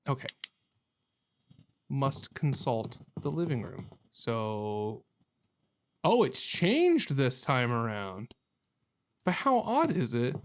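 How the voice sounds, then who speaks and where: A man with a medium-pitched voice gives casual let's play commentary on a video game. He thinks aloud in a hesitant, rambling way, often questioning himself.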